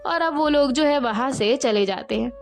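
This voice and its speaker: A woman narrating an audio love story in a steady, plain manner. Her voice sits somewhat high, and soft music runs faintly underneath. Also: moderate pace, gravelly.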